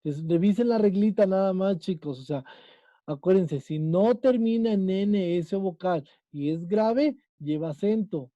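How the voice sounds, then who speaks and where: A man's voice: high-pitched, measured pace, mellow, no echo, muffled recording. A man with a Mexican accent, teaching a Spanish class and quizzing his students, checking in with them again and again. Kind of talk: online class lesson.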